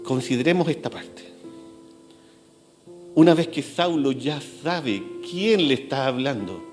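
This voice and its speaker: A man preaching a sermon in church, repeating phrases and slowing down, dropping low to stress key words. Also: animated, darkish tone, soft background music. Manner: slows and drops low for emphasis, repeats phrases. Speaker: pastor.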